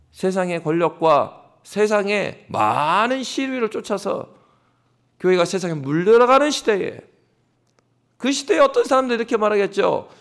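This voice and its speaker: A male pastor preaching an animated early-morning sermon in a church, addressing the congregation directly. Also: high voice, gravelly. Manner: animated preaching, acts out scoffing voices. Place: church sanctuary.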